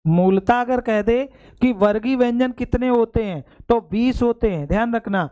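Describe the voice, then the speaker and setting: A male Hindi teacher with an extremely high, mellow voice delivers an exam-prep classroom lecture, explaining step by step. He keeps checking whether the students have understood and fondly calls them "beta".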